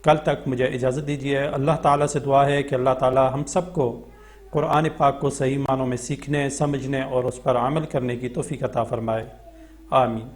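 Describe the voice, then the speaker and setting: A Pakistani man teaching Quran reading, spelling words out syllable by syllable in a slow chant and then explaining the rules quickly in Urdu-accented speech. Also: mid-range voice, little pitch movement.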